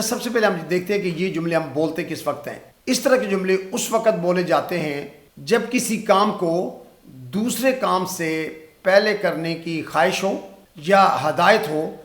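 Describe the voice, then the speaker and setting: Male teacher with a Pakistani accent, slightly high voice, patient step-by-step explainer, echoey room. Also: fairly bright tone. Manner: explains step by step, repeats example sentences slowly. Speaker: English teacher. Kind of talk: spoken English lesson.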